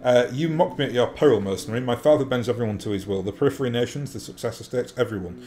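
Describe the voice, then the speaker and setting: A man's voice: medium pitch, fast talker, dark tone, natural voice. Man voicing a haughty cartoon-villain noblewoman, theatrically menacing. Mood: defiant threatening. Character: villainous captive noblewoman, haughty, vengeful, gloating. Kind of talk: reading game dialogue aloud in character. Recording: faint background noise.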